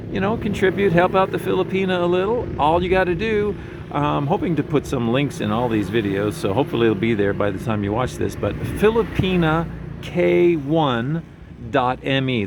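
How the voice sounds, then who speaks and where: Man talking up over busy road traffic, gravelly. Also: fairly high pitch, brisk. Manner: speaking up over passing traffic. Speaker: interviewer and channel host. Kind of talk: casual outdoor video interview and channel plug. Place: outdoors beside a busy road. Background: trucks and traffic passing.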